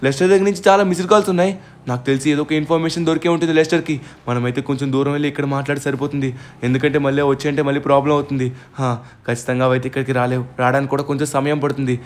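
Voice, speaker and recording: Guy narrating his game vid, talks super fast, slightly high voice, yelps and exclaims a lot. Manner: excitable, exclaiming, threatening foes dramatically. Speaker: gaming channel narrator and player. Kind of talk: excited gameplay storytelling.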